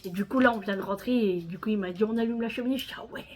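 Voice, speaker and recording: A woman's voice: mid-range voice, rapid-fire. A French woman chatting casually to her viewers in a home vlog, talking to them as friends. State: out of breath. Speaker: vlogger.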